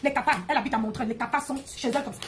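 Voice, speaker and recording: A high-pitched woman hosts a live stream and rants at her rivals. She mocks them and repeats her jabs in a heated, confrontational way. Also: racing, soft background music. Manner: mocking, repetitive, confrontational.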